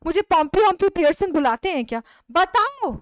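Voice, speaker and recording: A woman's voice: extremely high pitch, very animated, normal speed, dry recording, clean studio sound, voice pushed up. A woman teacher voicing a pompous middle-aged father who protests in disbelief. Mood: incredulous. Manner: incredulous, protesting.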